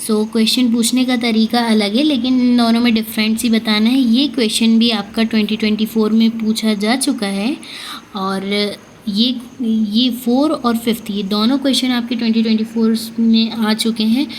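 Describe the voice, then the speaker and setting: A woman with an Indian accent, teaching exam preparation and reading questions aloud slowly, word by word. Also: fairly high pitch, steady tone, a little hiss or hum, low-quality recording. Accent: Indian, mixing Hindi and English. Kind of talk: lesson explaining an exam paper.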